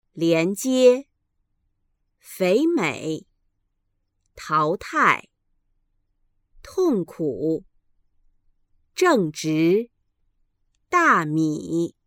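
A woman reading textbook pronunciation drills, enunciating each word carefully with a pause between them. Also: lowish voice, sing-song, fairly bright tone, dry recording. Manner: carefully enunciated, each syllable held apart. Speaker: language teacher reading drills.

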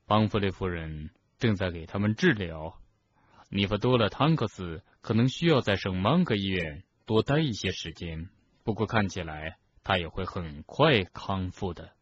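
A man voicing a calm, gentle old headmaster who speaks softly and slowly, in an audiobook. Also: husky, dull audio. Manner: soft, low, slow and soothing.

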